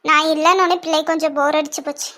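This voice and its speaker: A very high, bright voice carries this family cartoon, a woman voicing chatty young women and a fussing mother. She speaks with a Kanyakumari Tamil accent. Her tone moves between teasing, scolding and motherly. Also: fairly even intonation, rapid-fire.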